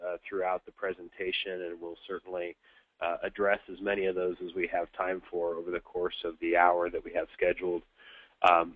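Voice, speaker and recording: A man presenting a business webinar, nasal and congested from a cold, pausing often with filler sounds and restarts. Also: sits low. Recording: tinny phone-line webinar audio.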